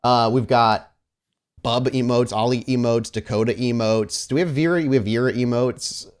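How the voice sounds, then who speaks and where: The host and game master of a tabletop roleplaying podcast chats casually before moving into improvised scene narration. His voice is medium-pitched, clear, and resonant, with fairly even intonation and a moderate pace.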